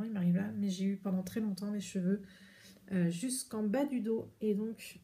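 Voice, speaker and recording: Chatty French woman with a gravelly voice. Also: medium pitch, dark tone. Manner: chatty, rambling, many hesitations. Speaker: knitting podcast host. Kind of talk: casual chat showing yarn to camera.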